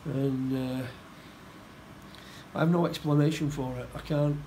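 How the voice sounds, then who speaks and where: A middle-aged football manager giving a post-match interview, plain-spoken and halting, often repeating his words. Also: medium pitch, steady tone, dark tone, slight background noise, low-quality recording. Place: indoor room by a stadium door.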